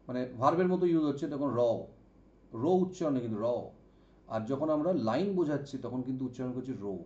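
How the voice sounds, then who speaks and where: A man teaching an exam-prep English vocabulary lesson, explaining slowly, repeating example words and checking understanding with "okay?". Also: a little high, mellow. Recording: dull, echoey room sound.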